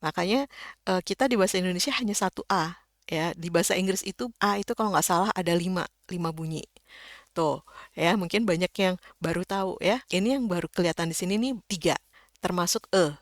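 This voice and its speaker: A woman giving a casual, patient English pronunciation lesson, slowly demonstrating sounds. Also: fairly low pitch, no room sound, clean studio sound. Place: indoors, rain heard outside.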